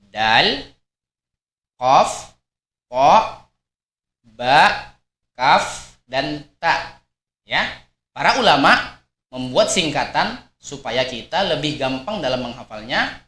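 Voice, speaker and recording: A man's voice: a little high, bright, forceful tone. A man teaching a Quran recitation lesson. He explains patiently, repeats his points, and models each sound aloud. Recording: echoey room.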